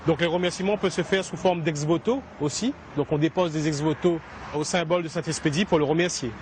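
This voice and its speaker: A man's voice: on the high side, fast. Man explaining outdoors with traffic noise. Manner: calm explanatory, with "donc" and "voilà". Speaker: guide at a shrine. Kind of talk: explaining on site.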